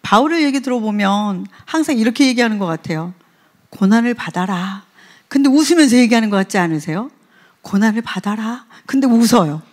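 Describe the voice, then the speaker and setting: A woman's voice: a little high, animated, fast talker, few pauses, darkish tone. A woman preaching a sermon in a conversational way, often putting questions to the congregation.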